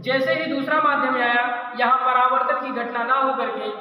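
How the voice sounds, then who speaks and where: A man's voice: extremely high pitch, fairly even intonation, normal speed, a little hiss or hum. A male physics teacher giving a classroom lecture, asking the class questions and answering them himself. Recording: echoey distant lo-fi classroom recording.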